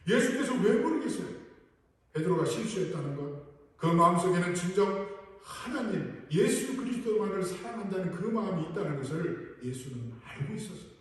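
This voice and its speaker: A man's voice: high voice, very animated, moderate pace. A male pastor preaching a sermon earnestly and putting rhetorical questions to his congregation. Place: large church sanctuary. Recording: echoey hall, voice from far off.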